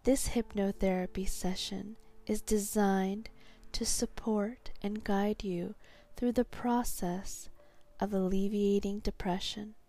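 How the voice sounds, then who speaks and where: A woman guiding a hypnosis meditation in a calm, soothing, meditative tone, soft and breathy, sinking toward a whisper at phrase ends. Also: medium pitch, slow pace. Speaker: hypnotherapy guide.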